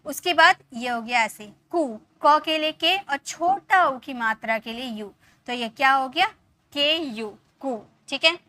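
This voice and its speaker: A woman's voice: sits high, unhurried, sharp tone, dry recording. A woman teaching an English spelling lesson, explaining patiently, repeating herself and asking many rhetorical questions. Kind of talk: classroom lesson.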